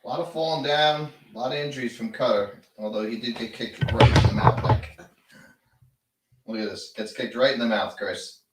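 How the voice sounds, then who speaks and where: A man's voice: medium pitch, normal speed, recorded from a distance, noisy background. A middle-aged man co-commentating a live match from home alongside his son, making dry, matter-of-fact remarks and chiding his co-host. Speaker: co-commentating father. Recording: roomy sound from away from the mic.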